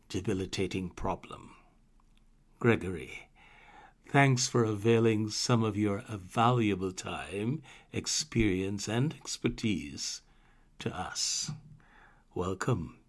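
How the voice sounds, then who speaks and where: Slow, formal male radio host. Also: fairly low pitch. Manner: slow, deliberate, formal delivery. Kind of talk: scripted introduction and interview.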